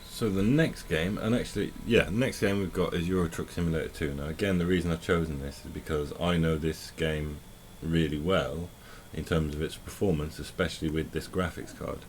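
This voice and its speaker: Deep-voiced guy rambling thru a game test, lots of self-corrections. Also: steady tone, a little fast, few pauses, a little hiss or hum. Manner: rambling, self-correcting, thinking aloud while playing. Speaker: tech vlogger. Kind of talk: casual gameplay commentary.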